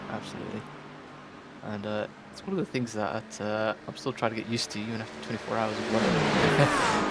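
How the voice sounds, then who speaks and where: A male race commentator giving measured, analytical live commentary, pausing often with "uh". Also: medium pitch. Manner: measured, analytical, many "uh" pauses. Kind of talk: live sim racing commentary. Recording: loud background noise.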